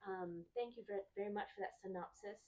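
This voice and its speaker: A woman interviewer who speaks softly and gently prompts her subject. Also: mid-range voice, fast, low-quality recording.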